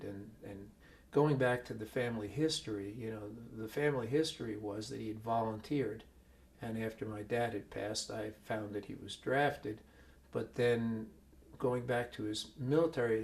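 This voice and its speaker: A man telling his father's story in an oral history interview, at an unhurried storytelling pace. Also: fairly low pitch, creaky, slight background noise. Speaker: veteran's son, interviewee.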